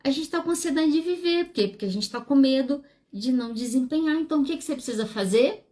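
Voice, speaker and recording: A woman, hosting a solo podcast as a psychologist, speaking frankly and animatedly with wide swings in pitch. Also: lively intonation, fast, warm tone. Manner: frank and self-deprecating.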